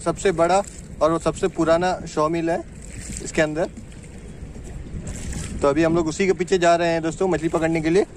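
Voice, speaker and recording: A man's voice: on the high side, level tone, moderate pace, pauses often. A man in his thirties narrating a casual fishing vlog from a small rowboat, chatting to his viewers and filming on a handheld phone. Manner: chatty, addresses viewers as friends. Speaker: fishing vlogger. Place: small wooden rowboat on open water outdoors. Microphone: handheld phone camera. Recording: loud boat and water noise.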